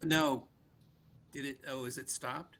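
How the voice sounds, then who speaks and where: A man's voice: medium pitch, fairly even intonation, slow pace, crowd noise. A man on a video call with clipping, distorted mic audio, casually showing his robot project and talking with many ums and restarts. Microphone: computer mic on a video call.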